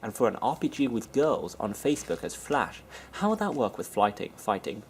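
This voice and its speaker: A man hosts a casual storytelling video journal, telling funny stories with animated energy and acting out bits of dialogue in different voices. His voice is medium-pitched at a moderate pace. The recording is rough, with a little hiss or hum.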